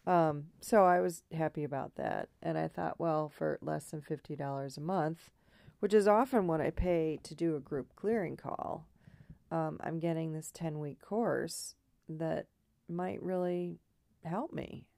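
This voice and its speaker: A woman speaks in a low, croaky frog voice, scratchy and hoarse from throat trouble. She thinks aloud at a slow, unhurried pace in a casual, rambling personal monologue, with a mellow tone. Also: no echo.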